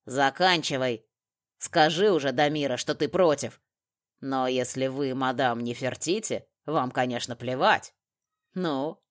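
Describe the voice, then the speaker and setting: A woman narrator voicing a menacing male gang boss who barks threats in a lowered voice. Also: a little slow. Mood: threatening. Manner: barking, threatening.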